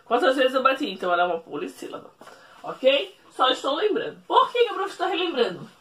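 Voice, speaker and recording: A woman teacher explaining a lesson at a whiteboard, speaking slowly, repeating each rule and checking in with the class. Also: high voice, sing-song, fairly bright tone. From Brazil. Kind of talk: recorded remote classroom lesson.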